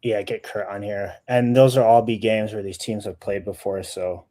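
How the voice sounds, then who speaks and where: Low-voiced male co-host, casual, talks while checking numbers. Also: fairly even intonation, moderate pace, warm tone. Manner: thinking aloud, checks stats as he talks. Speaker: sports betting show co-host. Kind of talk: casual betting talk.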